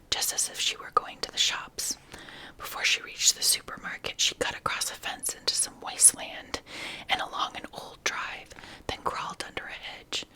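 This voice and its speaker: Woman doing whispered asmr story reading, soft n unhurried, really sharp bright whisper. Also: rough recording. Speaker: ASMR reader.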